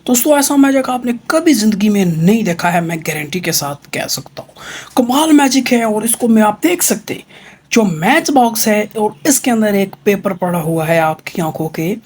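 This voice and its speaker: A man with a Pakistani accent and a husky, high voice, presenting magic in a showy kids' party magician manner. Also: animated, moderate pace, a little mellow. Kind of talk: magic show patter to viewers.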